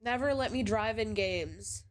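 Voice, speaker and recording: A woman's voice: mid-range voice, a little slow. A woman streaming a game, chatting in a rambling way with lots of "like"s and sounding congested from a cold. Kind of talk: casual live-stream chat while gaming.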